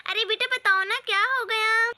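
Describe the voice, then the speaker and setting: A woman voicing a kindly grandmother who slowly coaxes a crying girl in a doll story. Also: extremely high pitch, fairly even intonation, bright, forceful tone, heavily acted. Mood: coaxing. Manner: slow, coaxing.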